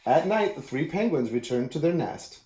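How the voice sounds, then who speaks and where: Lively, mellow-voiced man reading aloud. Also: fairly high pitch, moderate pace, slight background noise. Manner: expressive storytelling. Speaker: children's book reader. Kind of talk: reading a picture book aloud. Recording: echoey room.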